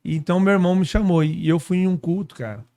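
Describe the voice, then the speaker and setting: A man from São Paulo state telling his story as a guest pastor, unhurried, tagging his sentences with little questions. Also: high voice, dark tone. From São Paulo state, Brazil. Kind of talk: casual testimony conversation. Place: podcast studio.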